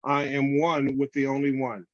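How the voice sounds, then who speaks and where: A man's voice: medium pitch, completely flat delivery, normal speed, no room sound. A man who is a reverend presents a spiritual lecture over a video call, addressing listeners as family, heard in a screen recording. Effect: video call audio in a screen recording. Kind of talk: spiritual lecture to an online audience. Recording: dull, dry video call audio.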